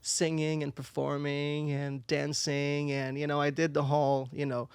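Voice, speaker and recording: A young Israeli man with a gravelly, resonant voice that sits a little high, talking casually as a podcast guest. His English is that of a native Hebrew speaker, and he pauses with fillers while he hunts for words. The recording is dry and close. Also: monotone, dry recording. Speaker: guest, singer and performer. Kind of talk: casual interview chat.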